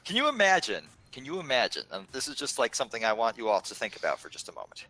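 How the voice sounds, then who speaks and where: A man's voice: medium pitch, fast talker, poor audio. A man hosting a video game let's play who reads a funny story aloud with lots of laughs. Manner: animated, laughs between lines. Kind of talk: casual gaming commentary with a dramatic story reading.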